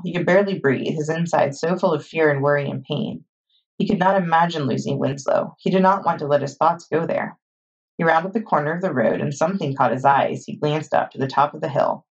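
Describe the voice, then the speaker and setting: A woman librarian reading a children's chapter book aloud in steady storytime narration. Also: low-pitched, brisk, slightly rough. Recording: dull lo-fi recording.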